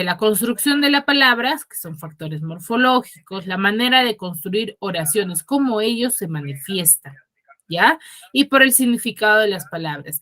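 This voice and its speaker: A woman's voice: mid-range voice, sharp tone. A woman teacher with a Huaraz Peruvian accent, giving an online class over a video call. She keeps checking in with her students through tag questions and calls on them by name. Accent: Peruvian Spanish from Huaraz. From Peru. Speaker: secondary school teacher.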